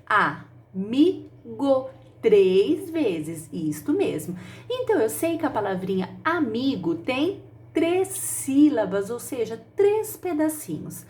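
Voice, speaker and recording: A woman's voice: high voice, very animated, measured pace, warm tone. A woman teacher giving a children's phonics lesson, sounding out syllables in an affectionate, sing-song way.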